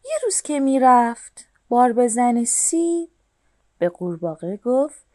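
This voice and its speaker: A woman's voice: a little high, big pitch swings, warm tone, dry recording, studio quality. A woman narrating a rhyming children's story, playful, with animal sounds and voices for the characters.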